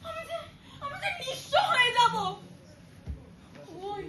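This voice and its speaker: On stage, a woman plays a grieving nature goddess, the mother of all life, wailing and sobbing in an extremely high voice. Her pleas are slow and drawn out. The recording picks her up from far away in an echoey hall, with background noise.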